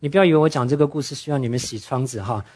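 A man preaching a sermon, telling stories earnestly and slowing down to stress his main points. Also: medium pitch, darkish tone. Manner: earnest storytelling preacher, drops English words into speech; slows down and drops his voice to stress key points. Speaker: pastor.

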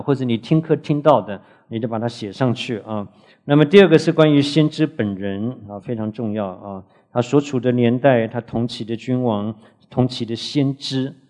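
A man's voice: medium pitch, dark tone. A man lecturing a Bible class in an earnest teaching manner, often adding filler particles and asking the students questions.

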